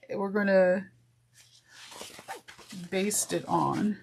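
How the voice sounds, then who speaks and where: A congested woman with a nasal, mid-range voice teaches a sewing project step by step, sing-song, extremely slow, and a bit bright. As a chatty sewing instructor, she corrects herself and apologizes along the way, and the recording is noisy with clicks.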